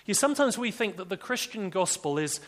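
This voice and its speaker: A man preaching a sermon, earnest, with emphatic bursts that drop back to soft, deliberate phrases. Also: high-pitched, animated.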